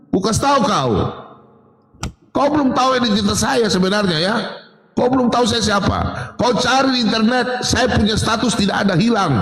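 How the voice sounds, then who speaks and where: A man in a heated live-stream debate, boastful and repeatedly telling others to calm down. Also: high-pitched. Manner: boastful, keeps urging calm. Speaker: debate participant. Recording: echoey room with long reverb.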